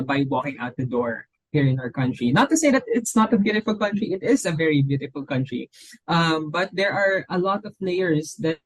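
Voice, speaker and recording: A man's voice: a little high, no room sound, poor audio. Filipino man, thoughtful and dry. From Philippines. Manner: thoughtful, hesitant with many ums. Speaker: guest author. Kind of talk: casual interview talk.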